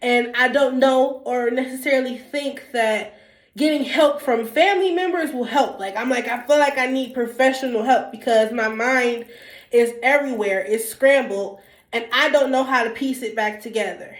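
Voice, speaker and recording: A young YouTuber, nose stuffed up by a cold, chats candidly and loosely to camera while seated, with lots of ums and restarts. She talks at normal speed in a voice on the high side, in an echoey room.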